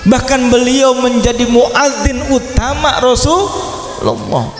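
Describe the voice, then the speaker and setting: A man's voice: very high voice, lively intonation, takes it slowly. A middle-aged man giving a sermon at a religious celebration, telling a story and putting questions to the audience. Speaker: preacher. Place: prayer room at a religious celebration. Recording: echoey hall, faint noise.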